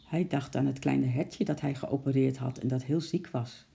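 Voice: mid-range voice, steady tone, normal speed, creaky, mellow. A narrator steadily reading a children's story aloud.

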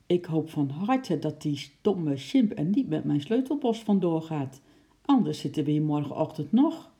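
A reader puts on a fretful father from a children's storybook, grumbling about being locked in. The voice is dark and gravelly, pitched a little higher than the reader's own. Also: big pitch swings, unhurried. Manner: grumbling, anxious. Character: worried father locked in a zoo building.

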